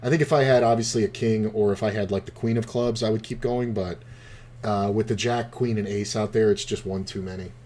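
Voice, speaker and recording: A man's voice: fairly low pitch, fairly even intonation, fairly quick, a little mellow. A man streaming online poker, chatting casually with a rambling, profane, laid-back storytelling manner. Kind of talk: casual commentary while playing online poker.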